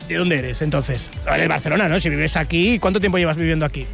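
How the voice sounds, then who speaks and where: A man's voice: fairly high pitch, vocal fry, a bit bright, faint music behind. A man interviewing passers-by on a city street in a chatty, teasing way. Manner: chatty, teasing, quick asides. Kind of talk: playful street vox pop.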